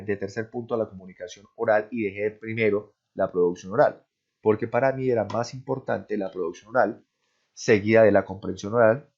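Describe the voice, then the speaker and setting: Male professor, lecture voice, somewhat low, muffled lo-fi recording, keeps asking if it's clear. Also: darkish tone. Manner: explains step by step, often checking "¿listo?", "¿sí?". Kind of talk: online class lecture.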